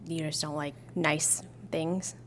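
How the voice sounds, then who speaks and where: Playful, lower-voiced young woman. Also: level tone, slow, slight background noise. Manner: playful, mock-dramatic teasing. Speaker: podcast co-host. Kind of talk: casual couple chat.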